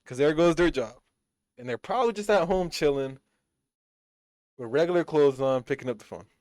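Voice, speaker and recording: A man's voice: on the high side, animated, normal speed, darkish tone, no echo. Blunt, foul-mouthed man on a podcast. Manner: blunt, heavy swearing. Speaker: podcast co-host. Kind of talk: casual podcast chat.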